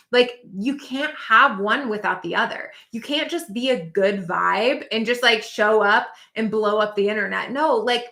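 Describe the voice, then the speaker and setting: A woman in her thirties coaches her listeners in a loose, animated monologue, full of "like" and "you know what I mean". Her voice sits a little high and rings bright and sharp. The room around her is noticeably echoey. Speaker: business coach. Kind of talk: casual teaching monologue.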